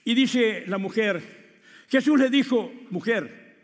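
Lively high-voiced preacher in an echoing hall. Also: male voice, normal speed. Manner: dramatic swings between loud exclamations and hushed asides. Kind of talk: sermon. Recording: long hall reverb.

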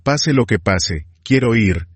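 A man's voice: mid-range voice, lively intonation, slow, slightly rough, dry recording. A man reading as an eager young messenger. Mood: insistent.

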